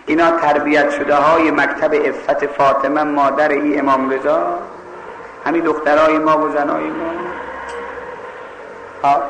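A man's voice: a little high, level tone, gravelly, pauses often, background noise. A man with a Mashhad accent preaching a sermon, telling a story and scolding his listeners emphatically. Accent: Mashhad Persian. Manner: emphatic, scolding, acts out voices. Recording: echoey hall with long reverb, faint ambience.

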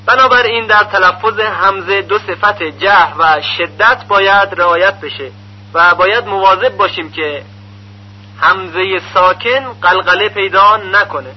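A man's voice: high-pitched, slightly rough. A man teaching Quran recitation, explaining pronunciation rules patiently and methodically. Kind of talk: instructional lesson. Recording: muffled lo-fi recording with faint hum.

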